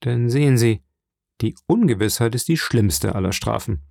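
A man's voice: mid-range voice, expressive, normal speed, creaky, darkish tone, no room sound, clean studio sound. A man voicing a young sailor held in prison, pleading with passion for a trial in an audiobook reading. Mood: urgent imploring. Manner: impassioned, imploring.

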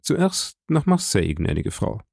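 A man reading an audiobook, voicing a dignified count who speaks in a measured, gently persuasive way. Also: lowish voice, big pitch swings, creaky, dry recording, studio quality, full character voice. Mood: calm. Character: dignified aristocratic older count, calm and kindly. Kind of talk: audiobook character voice.

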